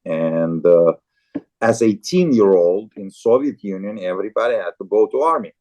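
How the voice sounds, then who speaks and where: A man in his forties from Azerbaijan, a guest in an interview, speaking haltingly with many repeated and restarted words. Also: lowish voice, lively intonation, a little mellow. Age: 40s. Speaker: guest, farrier and show jumper. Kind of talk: casual interview talk.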